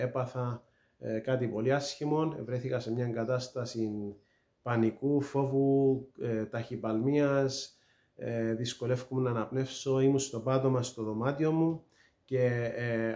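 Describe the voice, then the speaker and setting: A middle-aged man tells his faith testimony in an earnest, halting way, full of pauses and fillers. His voice is dark and mellow. The room around him is echoey. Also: medium pitch. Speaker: testimony speaker.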